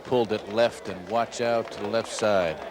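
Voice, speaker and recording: A man with a slightly deep voice is a golf commentator calling play shot by shot. The audio is a noisy outdoor broadcast from the 1980s. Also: fairly even intonation, moderate pace, crowd noise.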